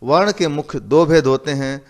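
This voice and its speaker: A male teacher giving a slow, methodical lecture, repeating each term and explaining it with simple examples. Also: on the high side. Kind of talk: recorded classroom lecture.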